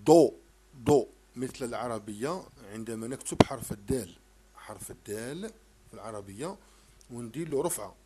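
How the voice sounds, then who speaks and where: A middle-aged man with an Algerian accent tutoring a child in French sounds, repeating each syllable slowly and firmly. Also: mid-range voice, expressive, heavy background noise. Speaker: teacher. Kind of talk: home French phonics lesson explained in Arabic.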